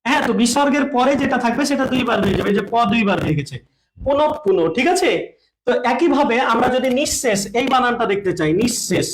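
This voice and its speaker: A man with a very high voice teaches a lesson at a board. He asks his listeners questions, answers them himself, and repeats each point. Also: animated, fast talker, poor audio.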